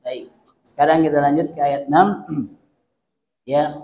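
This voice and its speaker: Guy teaching quran reading, slow and patient, keeps repeating syllables, echoey hall. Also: a little high, steady tone, warm tone, slight background noise. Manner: demonstrates sounds slowly, repeats syllables. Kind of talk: patient recitation lesson. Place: hall at a hospital study gathering.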